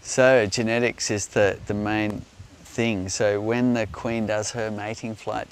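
A middle-aged Australian man explaining things off the cuff in a measured, halting way, recorded outdoors. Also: lowish voice. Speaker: beekeeper, presenter answering viewer questions. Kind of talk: unscripted explainer talk. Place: outdoors on an open grassy hillside. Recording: outdoor recording with loud background noise.

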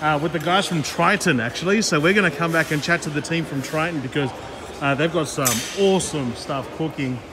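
A man, vlogging a chatty walkaround of an aquarium expo on a handheld gimbal camera. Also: a little high. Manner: upbeat, chatty, fast run-through of booths. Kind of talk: walkaround vlog. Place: large indoor expo hall. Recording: noisy hall with background chatter.

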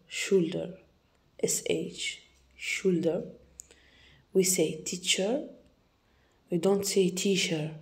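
A young woman teacher with an Algerian accent goes through an exam correction, slowly repeating each word to model its pronunciation. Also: lowish voice, a little mellow. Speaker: English teacher.

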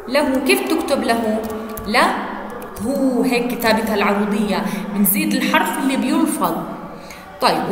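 A woman teacher with a Jordanian Arabic accent giving a lesson, spelling out words slowly and asking and answering her own questions. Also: high voice, a bit bright. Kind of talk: classroom lesson on Arabic prosody. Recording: echoey room with faint background noise.

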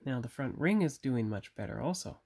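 A mid-range male voice, expressive and slightly fast, carries vocal fry, a darkish tone and a little roughness. The speaker, a channel host who builds models, talks viewers through his painting at a workbench in a chatty way, correcting himself as he thinks aloud, on a tripod-mounted phone camera.

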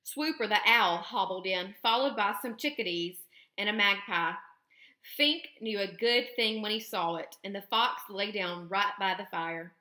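Woman teacher reading a children's novel aloud, bright and expressive, roomy echo. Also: mid-range voice, measured pace. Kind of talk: children's book read-aloud.

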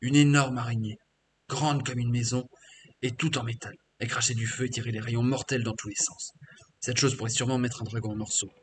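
A man's voice: medium pitch, little pitch movement, brisk, a little hiss or hum, close to an everyday voice. A man reading a scornful half-orc ex-slave. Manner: crude, scornful, boastful. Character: bitter defiant male half-orc ex-slave warrior mage. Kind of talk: reading game dialogue aloud.

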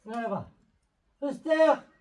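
A man's voice: very high voice, animated, very slow, darkish tone. A middle-aged man hosting a casual home vlog, making a sandwich for viewers and then calling and coaxing an animal. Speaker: vlog host. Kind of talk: casual cooking and farm vlog.

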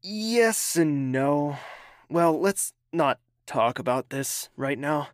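In an audio drama, an actor plays a young prince who is haughty, impatient, clipped, and condescending, though the mood stays relaxed and familiar. The mid-range voice is expressive and slow, with clean studio sound and no room tone.

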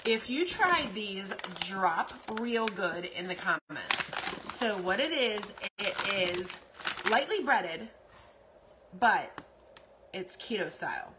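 A woman's voice: medium pitch, sing-song, takes it slowly, noisy background. A woman in her forties chatting casually through a grocery haul in her home kitchen, rambling with lots of ums and repeats. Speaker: vlogger. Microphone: phone camera at arm's length.

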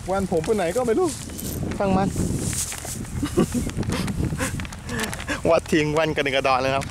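A man's voice: on the high side, quick pace. A man filming his own fishing trip, talking casually about his lure and the catch while out on the water. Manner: excited exclamations while fishing. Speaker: fishing vlogger. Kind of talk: casual outdoor fishing commentary. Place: outdoors on water. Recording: heavy wind noise outdoors. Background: wind and water.

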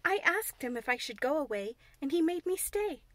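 A woman's voice: high-pitched, very animated, moderate pace, voice pushed up. A woman reading aloud and voicing an earnest, determined little girl in a storybook.

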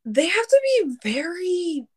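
A young woman hosting a casual livestream, talking candidly and swearing freely in quick bursts. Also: very high-pitched, sing-song. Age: young adult. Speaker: livestream host. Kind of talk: casual live-stream chat.

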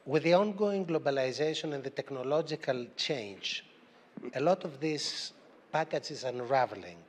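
A man's voice: medium pitch, lively intonation, normal speed. A man moderating a panel discussion, asking long questions that wander before they land. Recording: reverberant hall with faint ambience.

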